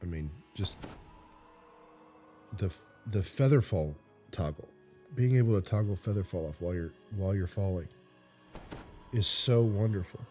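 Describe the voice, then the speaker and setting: Male gaming host, lower register, loose hesitant chat, light game music underneath. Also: moderate pace, pauses often, a little mellow. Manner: rambling, hesitant. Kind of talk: casual gameplay commentary.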